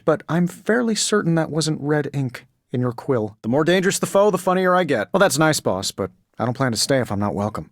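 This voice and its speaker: A man's voice: a little high, no echo, studio quality. An American man voicing a cocky, wisecracking genius inventor superhero in a video game, with sardonic, glib banter. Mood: cocky, teasing. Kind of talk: video game voice acting, quippy dialogue.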